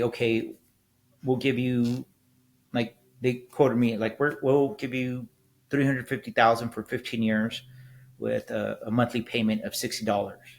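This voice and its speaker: A gravelly, mid-range voice belongs to a man in his fifties, a military veteran hosting a casual solo podcast. He talks bluntly and rambles, restarting often and tagging many of his points with "right?"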